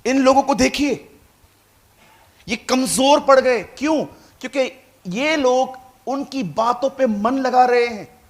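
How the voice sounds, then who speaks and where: A man preaching a sermon to a congregation, shifting between quiet asides and loud, animated calls. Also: extremely high pitch, slow. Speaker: pastor. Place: church hall with congregation.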